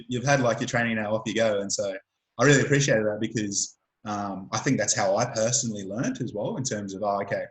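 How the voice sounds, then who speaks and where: A man hosting a casual interview, stumbling over repeated words and filling pauses with ums. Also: lowish voice. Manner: stammering repeats and many ums. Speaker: host. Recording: echoey room sound.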